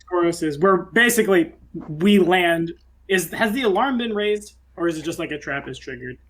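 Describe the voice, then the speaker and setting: A man's voice: high voice, lively intonation, normal speed, fairly bright tone. A man playing a tabletop game, casually chatting and narrating his moves.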